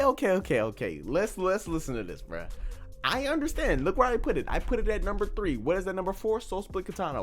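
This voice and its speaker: A man talking casually and excitedly, with frequent stammers and slang, calling the listener bro as he ranks his picks. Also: sits high. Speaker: anime commentator. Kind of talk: casual ranking commentary.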